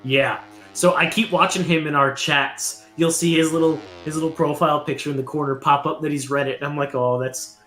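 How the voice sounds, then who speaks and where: A man's voice: fairly high pitch, steady tone, a little fast, fairly bright tone. A man co-commentating a race in easygoing, joking banter, his voice coming through a hollow mic that sounds like talking down a tube. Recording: echoey hollow mic, faint music behind.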